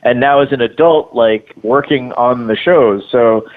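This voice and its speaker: A man in his late thirties, a guest voice actor, talking haltingly with many fillers in a casual interview. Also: mid-range voice. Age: 30s. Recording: tinny phone line.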